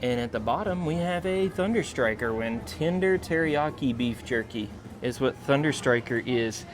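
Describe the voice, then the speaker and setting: A man's voice: mid-range voice, lively intonation, normal speed, background noise. An American man vlogging casually on location, with an enthusiastic, folksy way of talking. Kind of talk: casual on-location vlog chat. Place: theme park, shop and outdoor food areas. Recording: music behind, outdoor park sound.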